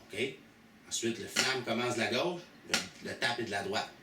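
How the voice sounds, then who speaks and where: A man's voice: on the low side, moderate pace, very noisy. A man with a Québécois French accent teaching drums, patiently counting aloud and naming each stroke. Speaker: drum teacher. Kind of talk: drum lesson with demonstrations. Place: drum school studio. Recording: echoey room, mic far off, loud drum hits.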